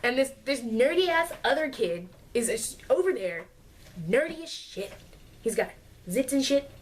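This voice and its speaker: A woman's voice: sits high, big pitch swings, unhurried. A young woman vlogger telling a casual, exasperated storytime rant about her classes, full of sarcasm. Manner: exasperated, sarcastic, mocks classmates in put-on voices.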